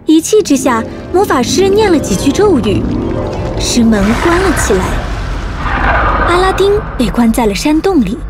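A woman storyteller narrating a scripted children's story in an expressive way. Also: high-pitched, moderate pace, over loud music.

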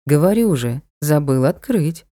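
A woman voicing a sulky, sarcastic young male dark lord in an audiobook, scornful and prone to yelling. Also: deep voice, very animated, unhurried, no room sound, clean studio sound. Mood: sullen. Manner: petulant, scornful, bursts into shouting. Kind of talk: audiobook character voice.

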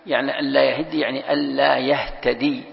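A man's voice: medium pitch, flat delivery, fast, gravelly. A man, a sheikh teaching Quran exegesis to a class, explaining patiently, repeating key phrases and quizzing his students. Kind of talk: classroom lecture. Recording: lo-fi lecture recording with long hall reverb.

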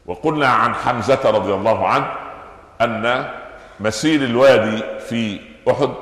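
A man preaching a Friday sermon in an Egyptian accent. He asks rhetorical questions and answers them himself, rising to loud peaks and dropping to soft asides. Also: mid-range voice. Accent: Egyptian Arabic. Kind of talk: Friday sermon, Quran commentary. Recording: echoey hall with long reverb.

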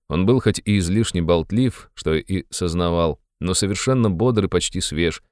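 A man narrating a classic novel in a measured, even reading voice. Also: low-pitched, smooth, dry recording, clean studio sound. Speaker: audiobook narrator.

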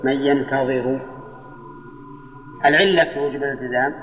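An older man teaching Arabic grammar to students in a lesson, slow and measured, drawing out the words of his examples and putting questions to the class. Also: mid-range voice, steady tone, slight background noise. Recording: dull old lecture tape in a reverberant hall.

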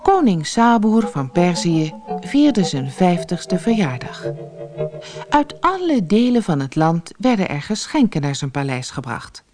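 A woman reading a fairy tale aloud for an audiobook, measured and expressive. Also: on the low side, over music. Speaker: storyteller.

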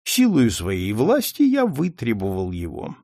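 A man doing a soft-spoken shrewd detective. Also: mid-range voice, wildly swooping pitch, a little slow, no echo, clean studio sound, heavily acted. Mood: calm probing. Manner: gentle, conciliatory.

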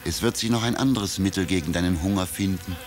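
A man's voice: deep voice, quick pace, natural voice. Man voicing a firm, warning bee queen. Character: warning bee queen, small but firm storybook creature. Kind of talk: storybook character voice within narration.

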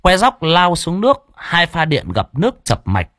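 A man's voice: a little high, wildly swooping pitch, moderate pace, a bit bright, dry recording, studio quality. A man narrating a folk ghost story for an audio book, telling it dramatically.

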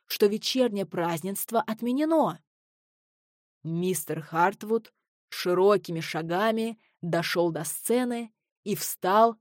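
A woman narrating a children's storybook in a calm, even reading voice. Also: medium pitch, no room sound, studio quality. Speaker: audiobook narrator.

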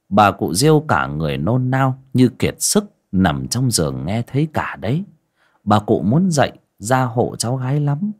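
A man narrating a folk horror story in an expressive, dramatic way. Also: lowish voice.

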